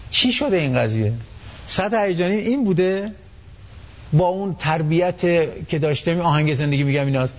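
A somewhat high, husky male voice explaining things on a radio talk program, animated and storytelling, slipping into little acted-out quotes. The broadcast sound is dull and lo-fi. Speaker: psychology expert guest.

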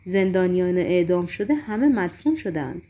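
A woman's voice: on the low side, animated, mellow, voice pushed down. A woman reading the lines of a shrewd secret-police chief in an audiobook, deferential and reassuring. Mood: composed. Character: calm, shrewd secret-police chief, middle-aged man.

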